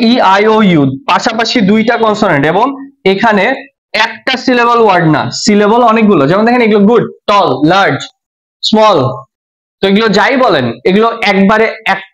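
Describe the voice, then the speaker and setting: A man's voice: high voice, a bit bright. Bangladeshi man teaching English grammar. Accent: Bangladeshi Bengali. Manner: asks the class quick check questions; spells words out letter by letter. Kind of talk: classroom lecture. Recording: dull lo-fi audio.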